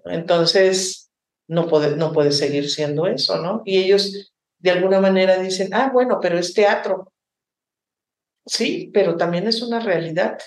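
A Mexican theater teacher and director answers interview questions in a lowish voice at a normal pace, speaking passionately and drifting into frequent reflective asides peppered with rhetorical "¿no?" tags. Her words echo in a roomy space.

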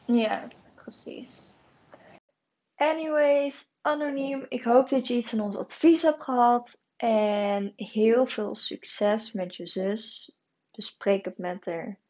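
A woman's voice: fairly high pitch, steady tone, slow pace, dark tone, highs cut off. A woman hosting a casual podcast, wrapping up advice and steering to the next story. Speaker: podcast host.

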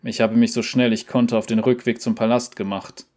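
A man voicing a loyal, dutiful veteran seneschal in a measured, solemn tone. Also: mid-range voice, little pitch movement, a little mellow, natural voice. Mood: grave.

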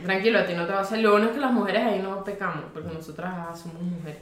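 A woman with a Venezuelan accent, co-hosting a podcast and telling legends in a lively, slangy, casual way. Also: mid-range voice, very fast, reverberant. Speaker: podcast co-host.

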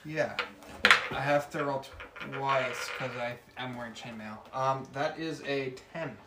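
A man's voice: medium pitch, steady tone, takes it slowly, far from the mic. Earnest man player in an echoey room. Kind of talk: casual tabletop play. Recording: echoey room, clear noise.

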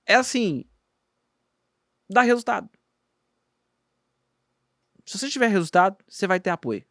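Chatty Brazilian man, slangy and animated. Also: high-pitched, a little slow, no echo, studio quality. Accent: Brazilian Portuguese. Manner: animated, rambling, slangy, many restarts. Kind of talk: casual podcast chat.

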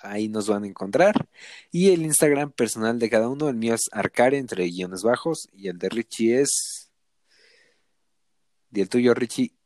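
A man's voice: medium pitch, animated, moderate pace, darkish tone, dry recording. A man with a Mexican accent bantering casually and profanely as a football podcast co-host. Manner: slangy, profane, joking.

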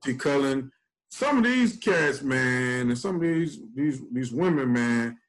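A man's voice: medium pitch, lively intonation, measured pace, poor audio. A man co-hosting a podcast in casual chat, joking and slangy, laughing a lot. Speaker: podcast co-host.

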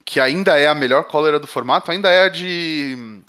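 A man's voice: on the high side, normal speed, sharp tone, clear, resonant tone. A man with a Brazilian accent hosting a casual discussion in a wordy, jokey, self-deprecating way. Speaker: podcast host.

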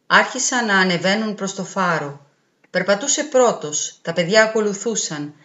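A woman reading a literary story aloud in a calm, measured way. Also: medium pitch. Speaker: audiobook reader. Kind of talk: literary narration. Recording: roomy, dull, with faint music.

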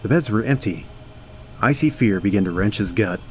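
A man giving a measured, dramatic scripted horror narration. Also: on the low side, expressive, a little mellow, a little hiss or hum.

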